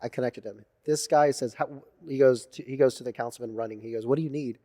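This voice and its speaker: A man telling animated stories as a guest in a casual interview, swearing freely and acting out what others said. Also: mid-range voice, fast talker. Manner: animated storyteller, swears freely, acts out quotes. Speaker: podcast guest.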